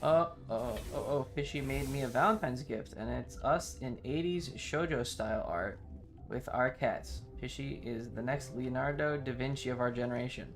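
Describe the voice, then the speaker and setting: Faint music plays behind a livestreamer with a mid-range voice who talks at a moderate pace. He chats with viewers and reacts to them during casual game commentary, with a playful, dramatic and sweary manner.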